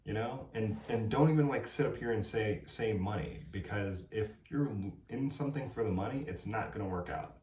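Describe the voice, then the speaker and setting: A man's voice: on the low side, moderate pace, hardly any pauses, a little mellow, roomy sound, distant mic. A young man who is a college student giving emphatic, preachy advice in a casual vlog, often asking "right?". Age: young adult. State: dry throat.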